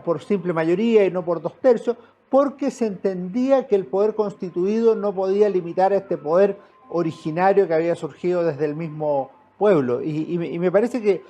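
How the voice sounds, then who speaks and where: High-voiced man hosting. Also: dark tone, lo-fi sound. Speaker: podcast host, historian. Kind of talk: interview questions.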